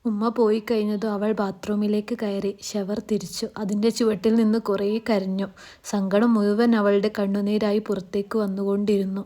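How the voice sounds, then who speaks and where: Mellow-voiced storyteller woman. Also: medium pitch, little pitch movement, moderate pace. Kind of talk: first-person story narration.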